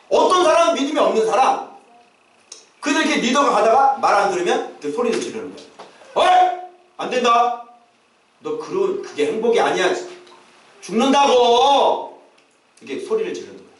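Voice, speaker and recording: A man preaching a sermon as a pastor, who often shouts out acted calls to his congregation. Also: high-pitched. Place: church sanctuary. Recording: echoey church hall, mic at a distance.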